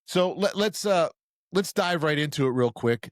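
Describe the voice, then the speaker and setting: A man hosting a podcast in casual interview chat, joking and telling quick stories. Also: on the high side, lively intonation, no room sound, clean studio sound. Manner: chatty, joking, quick storyteller. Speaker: podcast host.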